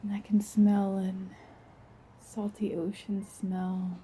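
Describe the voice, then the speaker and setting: A woman narrating a first-person guided visualization in a soft, breathy voice, gentle and dreamy, with long unhurried pauses. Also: medium pitch, flat delivery, slight background noise.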